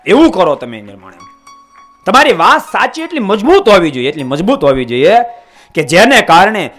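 A man preaching a sermon, scolding his listeners with passion and swinging from loud outbursts to hushed asides. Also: high voice, sing-song, a little fast, faint music behind.

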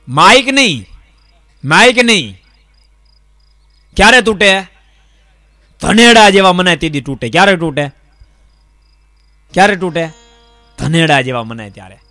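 A man's voice: sits high, dry recording. A man, a monk preaching a folksy sermon, telling stories and repeating questions to the crowd. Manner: repeats rhetorical questions to the audience; lively storytelling, voices the people in his stories.

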